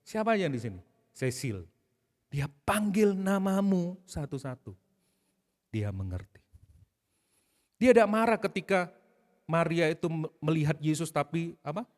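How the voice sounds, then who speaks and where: A man preaching a sermon, telling the story lively and speaking straight to the congregation. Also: on the high side, moderate pace, pauses often. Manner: storytelling, animated, addresses congregation directly. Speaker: pastor. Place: church hall. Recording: long reverb in a hall.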